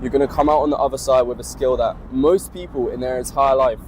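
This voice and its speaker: A man speaking calmly and in a measured way, reflecting on risk and persistence. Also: medium pitch, slight background noise. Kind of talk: reflective motivational talk.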